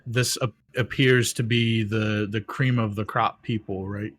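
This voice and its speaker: A man's voice: on the low side, fairly even intonation, unhurried, fairly bright tone, slight background noise. A man narrating as game master, rambling, with many ums and restarts.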